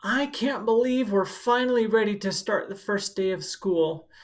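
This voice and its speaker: Reading a picture book to children at a normal speed, a medium-pitched woman school counselor offers informal, instructive comments along the way. She speaks directly to her young audience.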